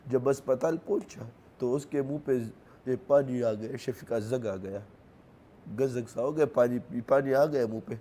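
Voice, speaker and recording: A young grieving man with a Pashto accent, a native Pashto speaker, recounting events in an interview in halting, broken phrases that repeat themselves. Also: mid-range voice, dark tone, slight background noise. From Khyber Pakhtunkhwa, Pakistan.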